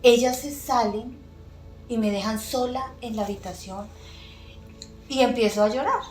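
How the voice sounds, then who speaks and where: As a guest on a podcast, a middle-aged woman with a fairly high voice recounts her personal faith testimony. Her delivery is earnest and emotional, broken by frequent pauses and soft fillers, while faint music plays in an echoey room.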